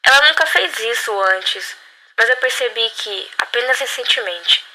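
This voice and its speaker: Uma mulher dando seu testemunho pessoal numa entrevista, contando com seriedade as dificuldades que viveu. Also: female voice, on the high side, animated, moderate pace, bright, forceful tone, a little hiss or hum, low-quality recording. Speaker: guest. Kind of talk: personal testimony in interview.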